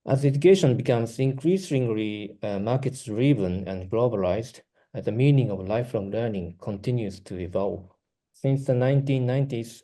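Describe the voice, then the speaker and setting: A Japanese researcher, whose first language is Japanese, gives a prepared academic talk with a Japanese accent. His voice is fairly low and dark, and he reads carefully with brief pauses.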